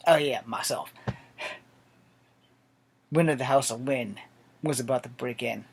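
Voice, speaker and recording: A man's voice: mid-range voice, gravelly, slight background noise. A man in his late forties, an army veteran, speaking a blunt, profane and defiant personal monologue to camera. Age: 40s.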